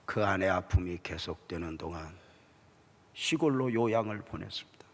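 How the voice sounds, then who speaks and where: A middle-aged man preaching a sermon as a pastor, telling a story with strong emotion and moving between hushed passages and rising, emphatic ones. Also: low voice, lively intonation, normal speed. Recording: long church-hall reverb.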